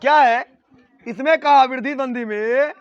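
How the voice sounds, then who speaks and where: A man's voice: very high voice, measured pace, no room sound, muffled recording, some chatter behind. A man teaching a grammar lesson at a board, repeating key words and often checking whether his students understand.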